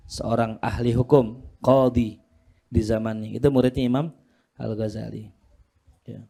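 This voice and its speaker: A man's voice: mid-range voice, fairly even intonation, measured pace, gravelly, mellow. A man teaching a religious study class to his students in a casual, joking way. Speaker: Islamic teacher.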